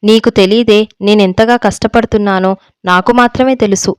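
A woman's voice: mid-range voice, steady tone, normal speed, smooth, no echo, lightly acted. A woman voicing a fed-up, defiant young daughter-in-law who speaks heatedly in a storybook reading.

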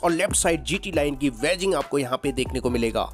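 A man with a fairly high voice presents a car walkaround review, working through features one after another at an even pace. Soft music plays faintly behind him. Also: quick pace. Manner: steady feature-by-feature listing. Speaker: car reviewer and channel host.

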